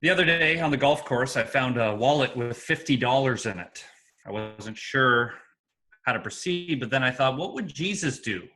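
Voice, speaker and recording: A man telling dad jokes in a joke battle, with slow, deliberate setups and punchlines. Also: mid-range voice, animated, fairly bright tone.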